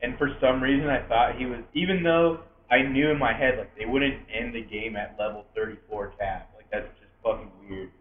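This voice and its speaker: A mid-pitched man leading a laid-back gaming podcast, cursing casually as he talks. His voice comes through thin and phone-like, echoing around the room. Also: normal speed, few pauses. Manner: relaxed, casual, swears. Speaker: podcast host. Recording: echoey room, phone-like audio.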